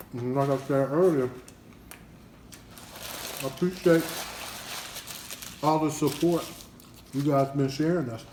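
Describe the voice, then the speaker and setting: A man talks his way through an eating challenge on his family vlog, chatty and in no hurry. His voice sits at an ordinary middle pitch. The room is echoey, with a faint hiss behind him. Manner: relaxed, unhurried, chatty with fillers. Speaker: family channel vlogger.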